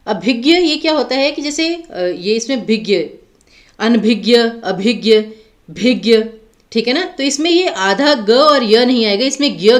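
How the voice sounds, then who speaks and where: High-voiced woman teaching Hindi grammar. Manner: explains patiently, asks students rhetorical questions. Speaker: exam prep teacher.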